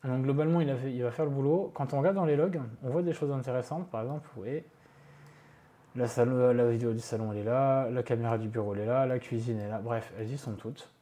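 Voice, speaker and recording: A man's voice: mid-range voice, fast, mellow. A man talking through a casual screen-recorded tech tutorial from his home office, chatty and self-mocking, with many fillers and asides. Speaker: tech video creator.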